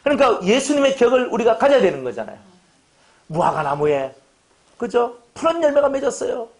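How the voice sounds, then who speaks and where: A man's voice: very high voice, very animated, brisk. A middle-aged male pastor preaching a humorous sermon, joking and acting out little dialogues with his congregation.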